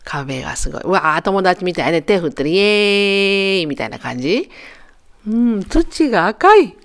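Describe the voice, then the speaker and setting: Woman in her 60s, Kansai accent, chatty travel narration, lively sing-song pitch, joking tone. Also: normal speed, creaky. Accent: Kansai Japanese. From Japan. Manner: chatty, joking, talks to viewers like friends. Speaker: travel vlogger. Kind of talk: casual voice-over narration.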